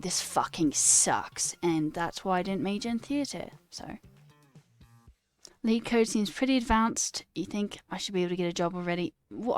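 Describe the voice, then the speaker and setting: A young adult woman, a live coding streamer, speaks with a lowish, clear, resonant voice and no echo. Putting on a British accent, she chats casually on her livestream and reads comments aloud in a theatrical, self-deprecating way while music plays behind her.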